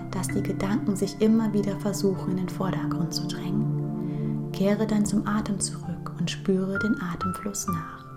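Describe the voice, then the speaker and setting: A woman guiding a meditation in a soft, hushed, breathy voice, speaking slowly and calmly with long pauses. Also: mid-range voice. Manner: slow, calm, pausing, breathy soft delivery in meditation. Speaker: podcast host and meditation guide. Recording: music bed under the voice. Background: background music.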